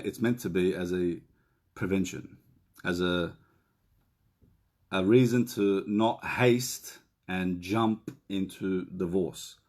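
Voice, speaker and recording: A middle-aged man giving relationship counselling in a live question and answer session, chatting casually, reading out viewer questions and slowing down to repeat key points. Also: sits low. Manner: conversational, reads out viewer questions; slows down and repeats key phrases.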